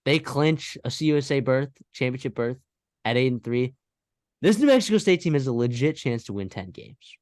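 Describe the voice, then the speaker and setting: Another co-host of the college football podcast talks expressively at a normal speed, his medium-pitched voice carrying a darkish tone. He chats loosely through the scores, stumbling into fillers and starting over now and then. The recording is clean studio audio with no room sound.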